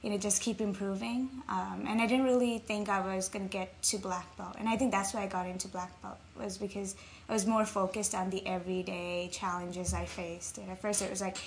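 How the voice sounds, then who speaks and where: A woman's voice: medium pitch, flat delivery, brisk. A young woman from Nepal, talking reflectively as an interview guest, with frequent ums. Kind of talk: casual interview. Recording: faint background noise.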